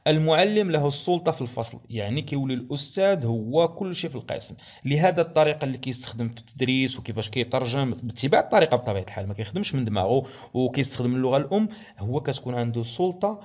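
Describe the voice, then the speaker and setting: Young moroccan guy explaining teaching methods super fast, reads the english bits out slow. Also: mid-range voice, darkish tone. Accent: Moroccan Arabic. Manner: reads English headings slowly, then explains rapidly in Darija.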